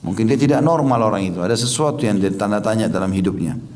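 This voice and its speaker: A man's voice: on the low side, fast talker, darkish tone. A male preacher giving an Islamic lecture, explaining points patiently and repeating them with a questioning "ya".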